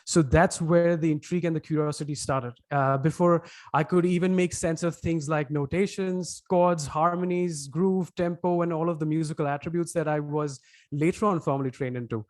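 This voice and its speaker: A man from Mumbai with an Indian accent, a podcast producer answering interview questions in a webinar, talking at length with many pauses and restarts. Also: a little high, steady tone, a little mellow, no room sound, clean studio sound. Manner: thoughtful, elaborate, frequent "uh" and restarts.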